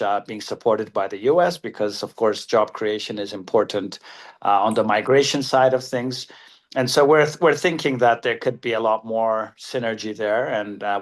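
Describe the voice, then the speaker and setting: A man speaking as a panelist on an online discussion, thoughtful and hesitant, with lots of "uh" and "you know". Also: fairly low pitch. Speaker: panelist from a development finance institution.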